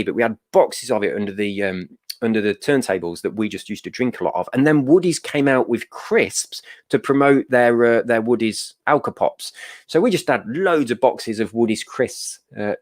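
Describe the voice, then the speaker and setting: A man's voice: fairly low pitch, darkish tone. A middle-aged man hosting a giveaway livestream, chatting casually, answering viewer comments and telling jokey stories. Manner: laughing, jokey storytelling.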